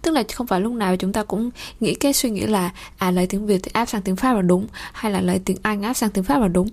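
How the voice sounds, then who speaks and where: Woman, Vietnamese accent, French teacher, podcast lesson, mid-pitched voice, patient explaining, frequent fillers. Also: fast talker, a little mellow.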